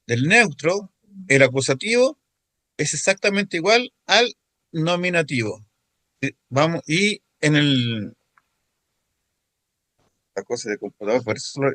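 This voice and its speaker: A man's voice: on the high side, sharp tone. A man teaching a Greek grammar class, patiently repeating word forms for students to echo. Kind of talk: classroom lecture.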